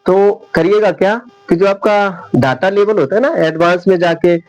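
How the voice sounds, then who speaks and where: A man teaching English spelling rules at a whiteboard, repeating each example word slowly and often checking whether his viewers understand. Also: high voice, low-quality recording. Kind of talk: whiteboard classroom lesson.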